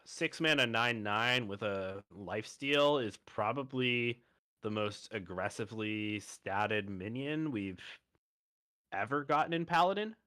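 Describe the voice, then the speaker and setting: A man with a somewhat low voice hosts a card game podcast. He thinks aloud in a casual way and his pace speeds up and slows down. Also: sharp tone, smooth. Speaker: podcast host.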